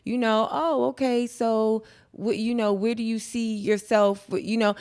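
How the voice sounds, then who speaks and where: Female podcast guest, slightly high voice, blunt advice, casual. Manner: frank, emphatic, gives advice. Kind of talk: casual chat.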